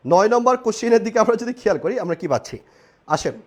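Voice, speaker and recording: Animated young man teaching online. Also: high voice, fast talker. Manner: repetitive, animated, joking asides with students. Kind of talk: live online class lecture.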